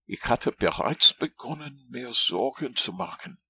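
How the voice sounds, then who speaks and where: A man voicing a simple, earnest, honey-loving toy bear in a storybook read-aloud, in a slow, plaintive, raised voice. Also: medium pitch, lively intonation, creaky, pushed and bright, slightly rough, no echo, pitched above the performer's own voice, full character voice.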